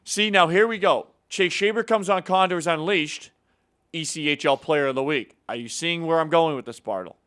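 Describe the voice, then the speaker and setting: A man's voice: on the high side, moderate pace, fairly bright tone. A man hosting a casual hockey news segment, upbeat and teasing his co-host, with plenty of filler words. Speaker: show host. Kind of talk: casual sports news chat.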